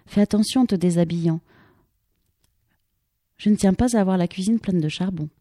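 Brisk, commanding grown woman in an audiobook, read by a female narrator; husky, dark tone, dry sound. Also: fairly low pitch, dry recording, natural voice. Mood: brisk teasing. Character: brisk, teasing grown woman scolding a boy.

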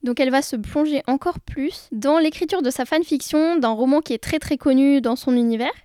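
A woman's voice: high voice, fairly quick, dark tone, no room sound, clean studio sound. A young woman casually talking about books she loves, enthusiastic and chatty, with frequent hesitations. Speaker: book vlogger. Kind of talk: casual book chat.

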